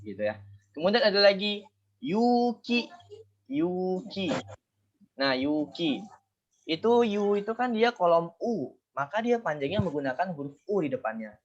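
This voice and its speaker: A man's voice: a little high, big pitch swings, normal speed, highs cut off. A man teaching a Japanese class online, explaining step by step and often correcting himself.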